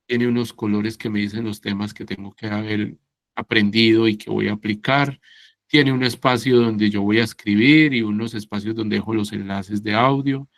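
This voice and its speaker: A man teaching English in an online class, explaining slowly and patiently and often checking that his students follow along. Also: on the low side, a bit bright, dry recording. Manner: slow, patient, checks understanding with "¿sí?" and "¿cierto?".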